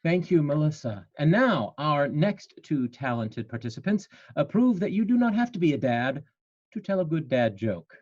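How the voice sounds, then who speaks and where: A man emceeing a variety show, introducing acts in a lively way. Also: fairly high pitch, normal speed. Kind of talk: stage announcing. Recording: muffled, lo-fi sound.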